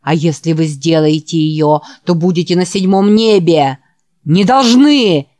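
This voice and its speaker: A woman reading an audiobook voices a frenzied male evangelist preacher, raised and loud, driving a call-and-response sermon. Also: fairly low pitch, a little slow, lightly acted. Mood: ecstatic. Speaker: preacher at a youth revival.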